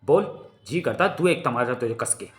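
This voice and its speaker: Gruff wolf-kin man, bad-tempered, threatening, voiced by a male reader, comic audiobook, echoey room. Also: mid-range voice, expressive, normal speed, fairly bright tone, natural voice. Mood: scolding. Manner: rough, scolding, threatening. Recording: roomy echo.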